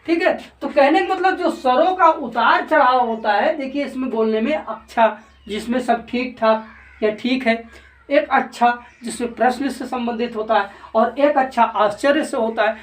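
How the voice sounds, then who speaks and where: A woman teacher giving a grammar lesson, speaking deliberately and answering her own repeated questions. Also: high voice. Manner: slow, repetitive, keeps asking and answering her own questions. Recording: echoey room, voice from a distance.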